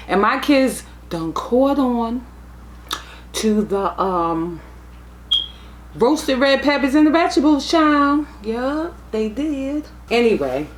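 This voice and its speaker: A woman chats in a relaxed, folksy way while she eats. Her voice sits a little high, and she draws out her words at an easy, slow pace. The sound is roomy, with a faint hiss behind it. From Brooklyn, New York. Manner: chatty, folksy, talks while eating. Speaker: mukbang vlogger. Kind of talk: casual eating chat. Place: home room.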